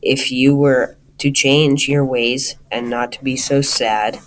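A man's voice: mid-range voice, fairly even intonation, slow pace, a bit bright. A man doing a cheery polite little man. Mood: cheerful.

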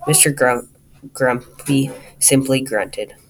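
A man reading a children's storybook aloud, talking straight to the listener in a lively way. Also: mid-range voice, slow pace, rough recording. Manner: lively, addresses the listener directly.

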